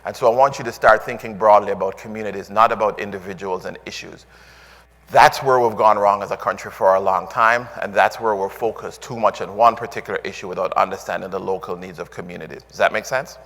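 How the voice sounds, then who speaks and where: A man's voice: lowish voice, fairly even intonation, quick pace, fairly bright tone. A man with a Jamaican accent giving a conference talk, full of "um"s and restarts. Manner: filler-heavy, restarts often, earnest. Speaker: conference speaker. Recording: long hall reverb.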